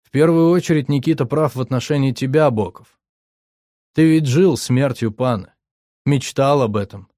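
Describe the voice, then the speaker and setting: A male narrator voicing a calm young man who argues in a measured, sardonic way. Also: medium pitch, no echo, studio quality, voice pushed up, natural voice. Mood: calm reasoning.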